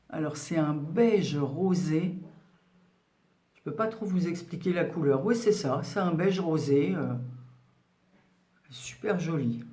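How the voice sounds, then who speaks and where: A craft channel host in her sixties chats casually to the camera while unboxing craft parcels, rambling with lots of fillers like "voilà" and "donc." Her voice is low-pitched and dark, and the sound is reverberant.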